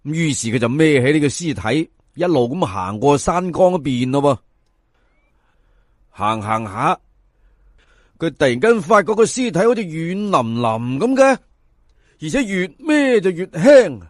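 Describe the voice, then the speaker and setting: Here a Hong Kong Cantonese-accented man, his voice slightly high and swinging widely in pitch, spins an animated folk tale. His delivery is colloquial and dramatic with long, drawn-out sentence particles, captured at studio quality with no room sound.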